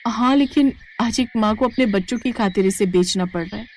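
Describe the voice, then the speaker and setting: A woman with a medium-pitched, darkish, natural voice speaks fairly quickly. She voices a brave, caring village wife and mother in a moral story, fiercely protective, firm and feisty, sounding reassuring and determined.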